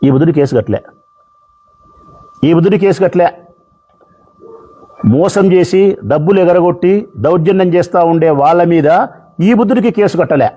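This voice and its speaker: A man's voice: high voice, expressive, a little fast, warm tone, breathy edge. A man speaking as a politician, addressing the press in an impassioned, repetitive way. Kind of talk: public speech to press.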